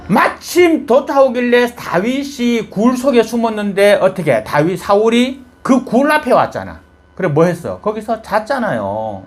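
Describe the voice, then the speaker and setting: Gyeongsang korean pastor preaching, voice jumps all over, kinda husky, keeps asking the room questions. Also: male voice, high voice. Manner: animated, fires rhetorical questions at the congregation. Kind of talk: sermon storytelling.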